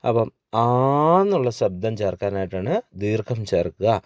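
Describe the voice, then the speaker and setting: A man, a teacher, slowly leading children through a spelling lesson and repeating each sound and word with patience. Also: fairly low pitch, a little mellow, no echo, studio quality.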